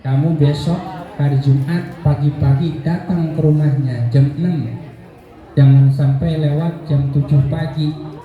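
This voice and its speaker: A man voicing a calm, authoritative older religious teacher in a sermon story, giving instructions in a commanding way. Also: on the high side, a little slow, heavy reverb, phone-quality sound, pitched below the performer's own voice, lightly acted. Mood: instructing.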